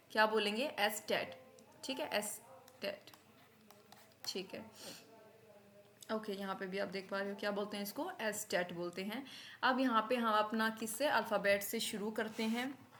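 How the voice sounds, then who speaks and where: Patient woman teacher, slightly high voice. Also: fairly bright tone. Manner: patient, asks a question then answers it herself, mixing English into Hindi. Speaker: German language teacher. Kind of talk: classroom-style lesson, repeating each item.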